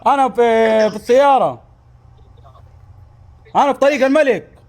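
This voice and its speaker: A man with a Saudi Arabic accent in a prank chat, talking much too loudly and repeating short phrases. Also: very high-pitched, moderate pace, creaky.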